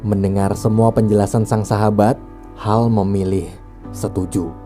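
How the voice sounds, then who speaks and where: Guy doing movie recap narration, really mellow dark lowish voice, music behind. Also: little pitch movement, normal speed. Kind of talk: scripted story narration with casual asides. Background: background music.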